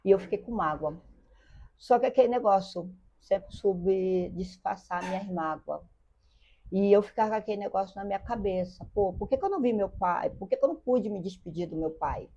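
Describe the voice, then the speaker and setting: Gravelly older Brazilian woman, earnest storytelling. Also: mid-range voice, expressive, normal speed, dark tone. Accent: Brazilian Portuguese. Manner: earnest, repeats phrases, addresses the host by name. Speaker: interview guest. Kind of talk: emotional personal storytelling. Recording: dull lo-fi sound.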